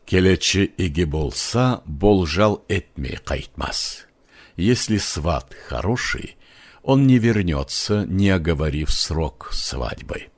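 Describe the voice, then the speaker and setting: Чтец-мужчина, низкий тембр, неспешное размеренное чтение нон-фикшн. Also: male voice, deep voice, expressive, slow pace. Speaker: audiobook narrator. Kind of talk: reading aloud.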